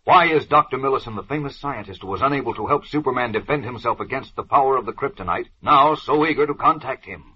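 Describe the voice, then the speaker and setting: A man's voice: mid-range voice, fast, hardly any pauses, breathy edge, natural voice. An American man narrating a 1940s radio serial as a melodramatic, suspense-building old-time announcer. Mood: suspenseful. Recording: dull vintage 1940s radio recording.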